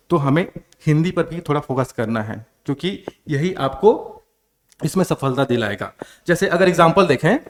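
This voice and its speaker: A man with a slightly high voice and a Chhattisgarh accent, teaching a coaching-class lesson. He keeps asking the class questions and then answers each one himself, in the steady voice of a classroom lecture. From India.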